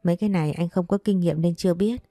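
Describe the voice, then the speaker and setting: A woman voicing a young husband who talks gently and soothingly to his wife. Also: fairly low pitch, fast, dry recording, studio quality, faint music behind, lightly acted. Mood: tender.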